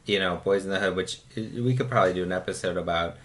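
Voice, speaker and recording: A man's voice: sits low, quick pace, a bit bright. A man co-hosting a casual podcast chat, blunt and opinionated. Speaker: podcast co-host.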